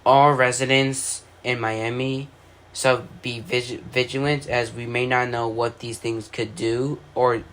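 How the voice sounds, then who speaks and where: This video creator narrates a made-up alert scenario of his own, delivering amateur scripted mock emergency broadcasts like an announcer and tripping over words now and then. His mid-range voice is flat, fairly bright, and slow. Noticeable background noise runs through the clip.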